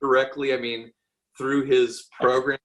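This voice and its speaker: A man hosts an interview in a casual, upbeat way. He often restarts his sentences as he asks his questions. His voice sits at a middle pitch. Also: little pitch movement, unhurried. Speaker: podcast host interviewer.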